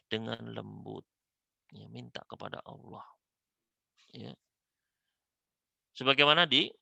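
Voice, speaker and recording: Man religious teacher, lecture, gravelly low voice, bright forceful tone, dry sound. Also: no echo, highs cut off. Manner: measured teaching, fills pauses with a repeated affirming word; recites Arabic prayers slowly and deliberately.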